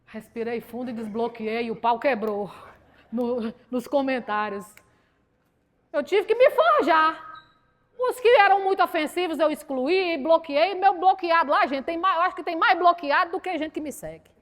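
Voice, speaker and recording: A high-pitched woman with a Minas Gerais accent preaches to a church congregation. She tells funny stories from her life and acts out everyone's lines in her own lively voice. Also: moderate pace. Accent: Minas Gerais Portuguese. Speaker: guest preacher. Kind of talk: humorous testimony sermon. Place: church service.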